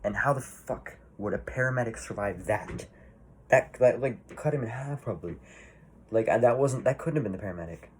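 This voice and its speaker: A man's voice: medium pitch, fairly quick, darkish tone, a little hiss or hum. A man giving a casual movie review, rambling and swearing freely, full of fillers and restarts.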